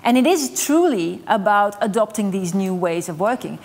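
A woman's voice: mid-range voice, normal speed. A middle-aged woman delivering a conference keynote on a studio stage, explaining with energy and the odd "um". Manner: energetic, gesturing, explanatory with light fillers. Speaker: keynote speaker. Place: stage in a dark studio with large screens.

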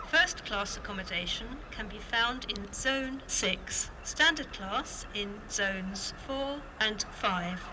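A woman's voice: a little high, background noise. A woman making a formal, scripted train station announcement in separate segments, heard over public address speakers. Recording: echoey distant station tannoy with loud ambience.

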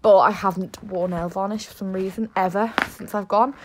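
A woman's voice: mid-range voice, steady tone, normal speed. A young woman talking casually to camera in a rambling, self-deprecating vlog about her day. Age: young adult. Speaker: vlogger. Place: at home, then outdoors.

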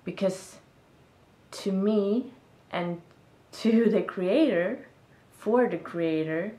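A young Swedish woman with a mellow, medium-pitched voice draws out her words as she vlogs in accented English, her second language. Seated on a bed in a small indoor room, she reflects casually to camera, gestures, and searches for words, while the space sounds reverberant.

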